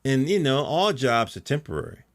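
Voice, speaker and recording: A middle-aged American man hosts a podcast in a mid-range, sing-song voice at normal speed, with no echo. He talks casually in a rambling, colloquial monologue and keeps checking in with his listener.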